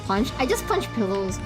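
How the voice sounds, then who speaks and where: A higher-pitched young adult non-binary streamer chats casually while reacting on a live stream, stammering through restarts, laughing often and swearing freely.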